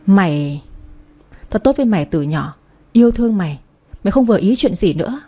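A woman's voice: medium pitch, expressive, brisk, dark tone, slightly rough. Woman reading a furious betrayed older sister. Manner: angry, accusing.

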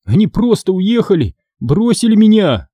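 A man's voice: high voice, very animated, normal speed, dark tone, breathy edge, no echo, clean studio sound, voice pushed up, full character voice. A man voicing a boastful, clumsy young boy who whines and protests, reading from a storybook. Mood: whiny. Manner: whining and protesting.

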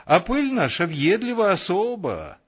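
A man's voice: sits high, sing-song, measured pace, highs cut off, voice pushed up, exaggerated voice. A man voicing a stern, stout older woman who scolds and grumbles. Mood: grumbling. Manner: scolding, gruff.

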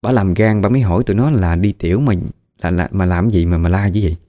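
A man's voice: sits low, fast, dark tone. A man with a Southern Vietnamese accent telling a ghost story in a chatty, gossipy way.

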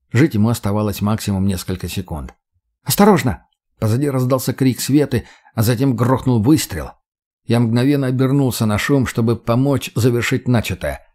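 A man reading first-person action fiction in a steady, matter-of-fact way. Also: medium pitch. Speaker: audiobook narrator.

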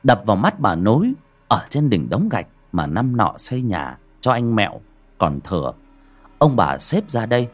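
A man's voice: lowish voice, sing-song, normal speed. A man narrating a horror story in a dramatic storytelling manner with colloquial asides. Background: faint music.

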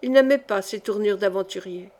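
A woman reading a historical novel aloud as an audiobook narrator, with even, clear storytelling. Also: mid-range voice, brisk. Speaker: audiobook reader.

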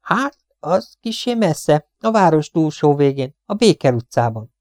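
A man voicing a stout, superstitious female cleaning woman who rambles on in a shrill, high put-on voice in an audiobook. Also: sing-song, darkish tone, no room sound, clean studio sound. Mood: chattering.

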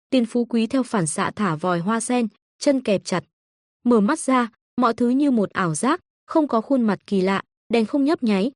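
A woman reading a story aloud as narrator, voicing all the characters in a mostly even narrating voice. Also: mid-range voice, dry recording, studio quality. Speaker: audiobook narrator.

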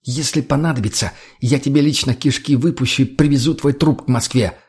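A man's voice: mid-range voice, a little fast, a little mellow, husky, close to an everyday voice. A man voicing a ruthless, cold woman gang leader who talks harshly and swears. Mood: menacing. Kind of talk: audiobook character voice.

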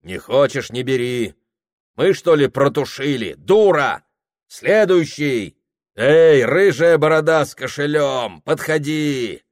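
A man's voice: on the high side, expressive, takes it slowly, voice pushed up. A man voicing a rude, scornful shop clerk who snaps at customers. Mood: snapping. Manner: snapping, dismissive.

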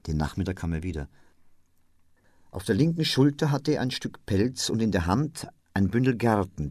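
A man narrating a classic story for public radio in a measured, composed way. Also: low voice, darkish tone, dry recording, clean studio sound. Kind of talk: literary reading for radio drama.

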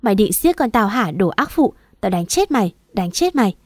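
A woman voicing a spiteful, scheming pregnant young wife who taunts and shouts, in a read-aloud story. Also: medium pitch, big pitch swings, fairly quick, no room sound, clean studio sound. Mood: shrill accusing. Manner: sharp-tongued, taunting, shouting.

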